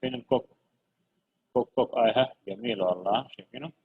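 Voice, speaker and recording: A man teaching children English vocabulary, lively and coaxing, repeating each word slowly for his pupils. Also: medium pitch, vocal fry, breathy edge, narrow, tinny audio.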